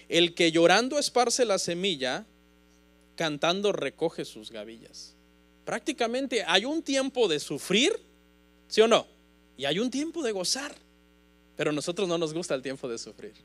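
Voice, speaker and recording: A man's voice: a little high, a bit bright. A man preaching a sermon as pastor of a church congregation, earnest and emphatic, often calling his listeners "brother".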